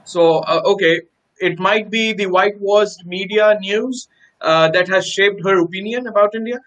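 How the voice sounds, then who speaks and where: A woman speaking as a panel guest, hesitant, repeating words and filling pauses. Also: mid-range voice, poor audio. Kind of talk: casual panel talk.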